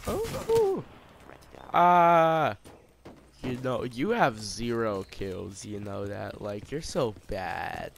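A man's voice: on the low side, animated, takes it slowly, gravelly, few pauses, a little hiss or hum. A man trolling an opponent over game chat, taunting and mocking him with jokey insults. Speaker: online gamer trolling an opponent. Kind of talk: trash-talking game commentary.

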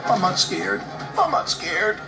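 Storybook: man voicing a timid little engine boy, stammering, high and lively, roomy echo, music behind. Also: moderate pace. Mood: relieved. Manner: stammering, jittery. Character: small nervous young male steam engine.

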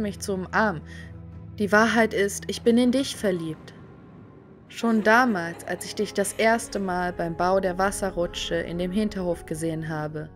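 A woman voicing an earnest, lovesick young man in an animated story, speaking in a pleading way. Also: mid-range voice, close to an everyday voice.

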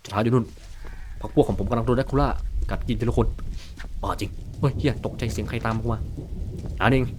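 A young man giving casual gameplay commentary, bursting into loud, swearing, excited yells. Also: mid-range voice, fast, long pauses, noisy background. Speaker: gaming video host.

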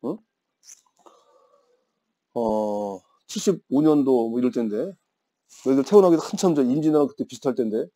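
A man's voice: mid-range voice, lively intonation, moderate pace, pauses often, warm tone. A man in his fifties teaching an English grammar class, telling playful stories and teasing his students. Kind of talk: classroom lecture with chatty anecdotes.

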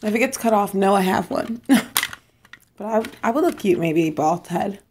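A woman's voice: medium pitch, animated, normal speed, background noise. A young woman vlogging from home in a casual eat-with-me chat, bubbly and chatty, talking between bites while losing her voice. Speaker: mukbang vlogger.

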